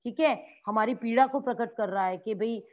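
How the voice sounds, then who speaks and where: A woman's voice: a little high, normal speed, muffled recording. A woman teaching a grammar lesson to a class as a school teacher, asking and answering her own questions and acting out example exclamations. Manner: acts out example exclamations with lively swings in tone.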